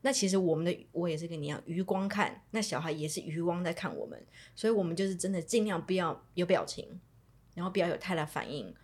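A woman's voice: lowish voice, animated, fast talker, a little mellow, breathy edge. A woman in her thirties chatting earnestly and agreeing often, retelling family moments with some animation. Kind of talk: casual chat.

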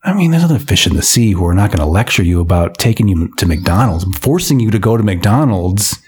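A man's voice: on the low side, lively intonation, darkish tone, slightly rough. Playful man hosting a podcast. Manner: playful, jokey, drawn-out asides. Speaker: podcast host. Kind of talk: casual podcast chat.

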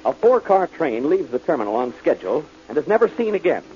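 A man reading the scripted narration as announcer of an old-time radio show, with a measured, lively delivery. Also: fairly high pitch. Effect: old-time radio broadcast sound. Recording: lo-fi old radio broadcast, loud music underneath.

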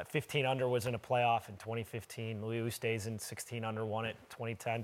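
A man's voice: on the low side, a bit bright. A man hosting a golf broadcast, giving commentary and chatting as presenter. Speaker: golf TV show host and commentator. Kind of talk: golf commentary and studio show chat. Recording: music bed under the voice. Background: music.

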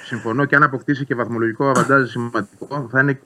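A man's voice: medium pitch, fairly even intonation, bright, forceful tone. A man talking football as a guest, reasoning through his points and often agreeing with the host. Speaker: sports commentator guest. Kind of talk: casual football analysis chat.

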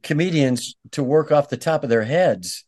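A man hosting a podcast, asking questions in a relaxed, conversational way and joining in with jokes. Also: a little high, normal speed. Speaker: podcast host. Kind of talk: casual interview chat.

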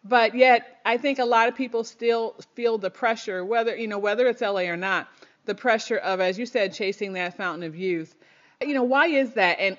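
A woman hosting an interview, asking questions and encouraging her guest. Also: medium pitch. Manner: encouraging, backchannels often. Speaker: interview host. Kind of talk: casual interview. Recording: dull lo-fi audio.

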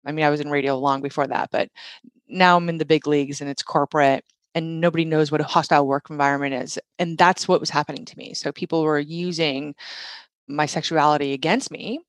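A woman in her forties telling her story as an interview guest, animated, laughing often and saying "like" and "right". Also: sits low, brisk, no echo.

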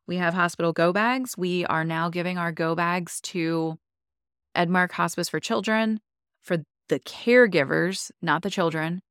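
A woman's voice: on the low side, fairly even intonation, unhurried, fairly bright tone, clean tone, dry recording, studio quality. Chatty, enthusiastic woman podcast host. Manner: chatty and enthusiastic, many likes. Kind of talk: casual chat.

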